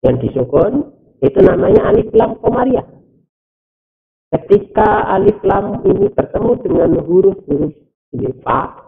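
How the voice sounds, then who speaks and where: Man teaching recitation, gravelly voice, very lively pitch, tinny phone-like sound. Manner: slow, deliberate, drawn-out recitation with repetition; explains rules step by step. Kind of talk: recorded teaching video.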